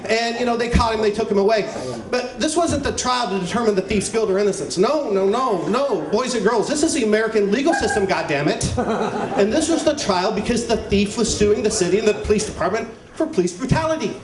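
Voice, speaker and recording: Male stand-up comic, crude ranting clown persona, high voice, live club with audience noise. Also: lively intonation, brisk, crowd noise. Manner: crude, ranting, mock-indignant. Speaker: stand-up comedian. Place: live stage before an audience. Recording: echoey room with live audience.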